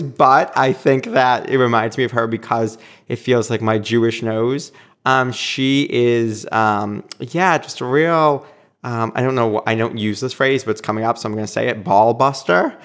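A man with a Boston accent, talking as a guest in a casual, reflective interview and pausing often to search for words. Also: mid-range voice. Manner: thoughtful, pauses often with filler words. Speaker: podcast guest.

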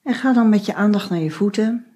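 A woman guiding a meditation, giving slow, soft instructions with long pauses. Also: medium pitch. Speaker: meditation guide. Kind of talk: guided meditation.

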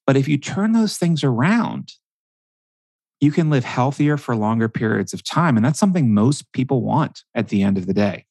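A man speaking as a guest expert in a podcast interview, telling stories in an animated way and dropping frequent ums. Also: medium pitch, moderate pace, slightly rough, dry recording.

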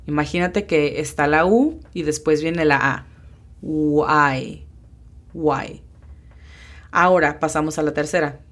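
Woman, deep voice, patient lesson host who breaks pronunciation down slowly. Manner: patient, explains step by step, slows down to spell out sounds. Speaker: English teacher hosting a lesson podcast. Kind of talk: bilingual language lesson.

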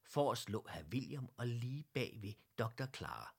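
A man with a Danish accent narrating a children's storybook in a gentle, even way. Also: mid-range voice, gravelly, slightly rough.

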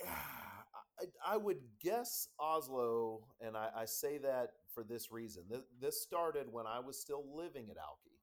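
A man guesting on a podcast, telling relaxed, rambling anecdotes in casual conversation. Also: medium pitch.

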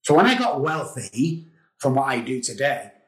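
A middle-aged man, a podcast guest, telling a story in an excitable way, swearing casually. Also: mid-range voice, moderate pace. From England. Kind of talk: animated storytelling. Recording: roomy echo.

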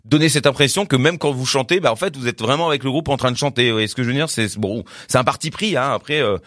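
A man's voice: mid-range voice, fast talker, a bit bright, no room sound, clean studio sound. A man presenting new rock songs on the radio in a casual, rambling way, with many fillers and little laughs. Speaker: radio music show host.

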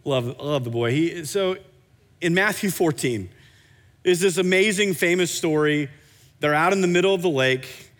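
A man preaching a sermon as pastor, animated, often stumbling and repeating words as he restarts a thought. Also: a little high, moderate pace, long reverb tail.

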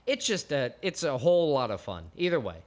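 Upbeat American man, slightly high voice. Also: sing-song, brisk. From United States. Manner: enthusiastic, rambling, jokey. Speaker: podcast co-host. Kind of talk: casual podcast banter.

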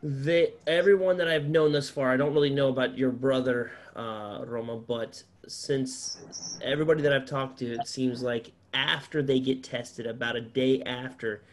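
A man's voice: medium pitch, fairly even intonation, moderate pace, slight background noise. A man in casual chat who agrees emphatically and laughs easily.

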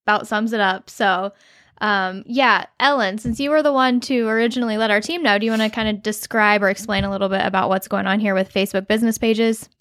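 A woman's voice: mid-range voice, steady tone, quick pace, fairly bright tone, no echo, clean studio sound. A woman co-hosting a podcast, talking in a chatty, self-deprecating way with fillers, over a remote call microphone. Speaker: podcast co-host. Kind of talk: casual podcast chat.

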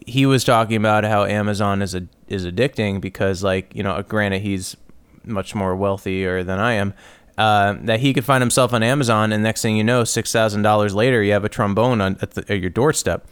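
Smooth-voiced rambling male podcaster. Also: lowish voice, fairly even intonation, a little fast. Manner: sarcastic, complaining, rambling. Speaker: podcast host.

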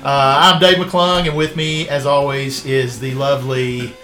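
A man's voice: mid-range voice, level tone, unhurried, a bit bright, reverberant, faint music behind. A man hosting a podcast in casual, joking chat, with a playful, teasing way of talking. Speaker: podcast host.

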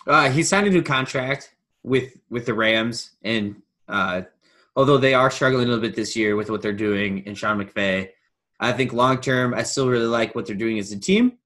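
A man's voice: mid-range voice, moderate pace, sharp tone. A man co-hosting a casual sports podcast, thinking aloud and weighing his options. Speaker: podcast co-host.

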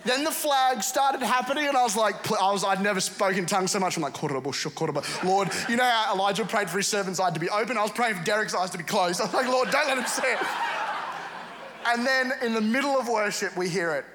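Male preacher, high bright voice, playful storytelling sermon to a congregation. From England. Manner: humorous, animated storytelling with quick asides. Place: church service with congregation.

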